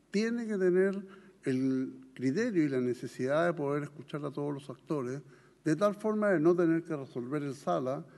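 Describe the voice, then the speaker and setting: A man's voice: medium pitch, dark tone. A man with a Chilean accent, a legislator arguing emphatically in a committee debate. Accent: Chilean Spanish. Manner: emphatic, argumentative. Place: senate committee room. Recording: long reverb in a hall.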